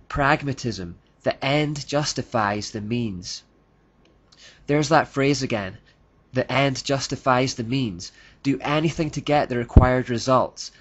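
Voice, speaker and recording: Man narrating on a dull recording. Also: mid-range voice. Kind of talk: scripted narration reading quotes.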